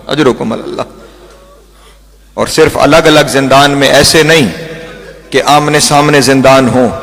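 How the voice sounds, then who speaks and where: A male religious orator from Pakistan delivering a mourning sermon, pausing deliberately between sentences and chanting refrains as his voice climbs high and strains with lament. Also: poor audio. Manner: deliberately halting, pausing between sentences to move listeners to weep.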